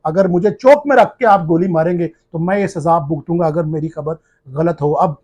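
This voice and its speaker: A male journalist from Pakistan, addressing viewers in a forceful, accusing, challenging tone. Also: a little high, moderate pace, husky, dull audio.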